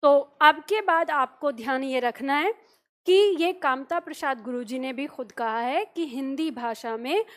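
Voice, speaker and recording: A woman with a high voice teaches grammar in a video lesson. She keeps putting rhetorical questions to the viewer and stretches out vowel sounds to show how they are said. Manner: draws out vowel sounds to demonstrate them.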